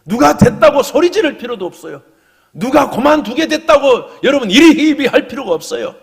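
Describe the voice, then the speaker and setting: A man preaching a sermon as pastor, swinging from loud proclamation to hushed whispers. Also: very high voice, sing-song, brisk, creaky, in a large hall.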